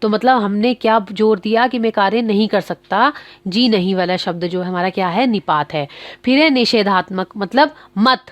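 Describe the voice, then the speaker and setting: A woman's voice: mid-range voice, normal speed, no echo. A woman teaching grammar to schoolchildren, patient, asking questions and answering them herself.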